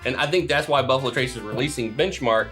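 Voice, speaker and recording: A man's voice: mid-range voice, fast, a bit bright, soft background music. A man hosting a casual whiskey tasting, chatty and explaining things with easy laughs. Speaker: host.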